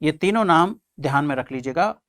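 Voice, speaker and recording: A male teacher delivers an exam-prep lecture in a lively voice that swoops up and down. He keeps throwing questions at the class and answering them himself, driving each point home by saying it again. The recording is dry and close, with no room sound. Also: fairly high pitch, a little fast, no room sound. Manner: repeats key points for emphasis; addresses listeners as friends and children.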